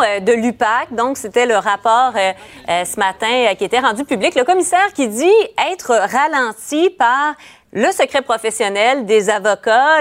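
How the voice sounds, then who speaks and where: A woman with a Quebec French accent hosting a conversational news interview, setting up questions in informal phrasing. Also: fairly high pitch. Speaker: host interviewing a commentator.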